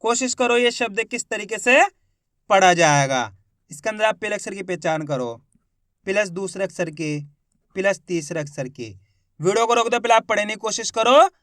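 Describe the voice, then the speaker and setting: High-voiced man teaching Hindi reading. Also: fairly bright tone, no echo, clean studio sound. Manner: slow syllable-by-syllable sounding out, repeats each word; encouraging, asks the learner questions. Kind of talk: spoken reading lesson for beginners.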